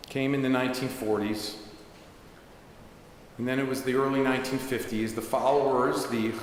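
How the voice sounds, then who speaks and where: Storytelling rabbi in echoey sanctuary. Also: male voice, mid-range voice, steady tone, normal speed. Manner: conversational, with asides. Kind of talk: sermon storytelling. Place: synagogue sanctuary. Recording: echoey synagogue hall, faint hiss.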